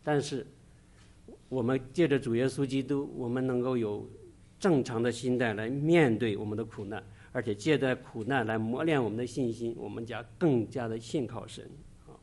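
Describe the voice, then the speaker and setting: Earnest middle-aged man preaching haltingly. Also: medium pitch, darkish tone. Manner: earnest, halting, pausing often mid-sentence. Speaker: church preacher. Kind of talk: sermon with personal testimony.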